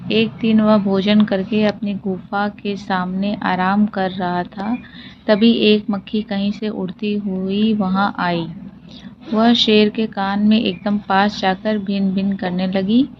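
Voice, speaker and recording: A woman teaching children a textbook story, reading it and then retelling it in simple words while she asks and answers her own questions and drops in English words. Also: medium pitch. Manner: mixes English words into Hindi. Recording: dull lo-fi audio with clear hiss.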